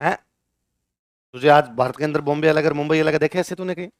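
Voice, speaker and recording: Dry, crisp man quizzing a class. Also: fairly high pitch, a little fast, dry recording. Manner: asks the class questions and answers them himself. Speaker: teacher. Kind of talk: classroom lecture.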